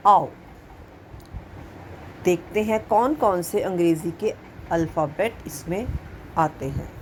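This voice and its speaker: A woman teaching a Hindi lesson, sounding out each syllable slowly and stressing the examples. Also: on the low side, a little hiss or hum, low-quality recording. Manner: drawn-out sounding of vowels, emphatic on examples. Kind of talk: slow classroom lesson.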